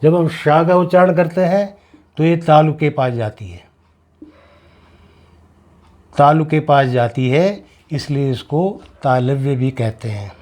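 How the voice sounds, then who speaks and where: A man's voice: on the high side, animated, a little mellow. A man teaching a lesson on the sounds of the alphabet, sounding out syllables one by one and explaining patiently. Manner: slow, deliberate, repeats syllables to demonstrate sounds; explains patiently, asks students if it is clear. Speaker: Hindi teacher. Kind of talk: classroom lesson on pronunciation.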